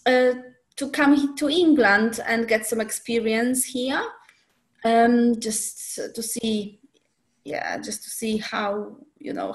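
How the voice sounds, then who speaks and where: A woman in her thirties from Poland, speaking English with a Polish accent, introducing herself unhurriedly over a video call and often pausing with ums. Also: a little high. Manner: unhurried, searching for words with frequent ums. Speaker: community organiser introducing herself. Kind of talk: casual self-introduction in an online group meeting.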